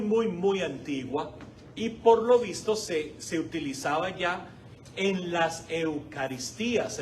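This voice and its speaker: A male parish teacher leads a Bible class in an unhurried, high voice. He keeps asking his students questions and repeats each key word. He is recorded from across a church hall classroom, with a faint hiss behind him. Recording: distant mic, faint background noise.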